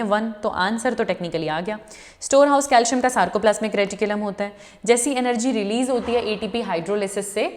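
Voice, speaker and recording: A woman teacher with a mid-range voice delivers an exam-prep lecture, going through each question step by step and repeating the answers. She calls her students her children, and her voice trails off in a long reverb tail.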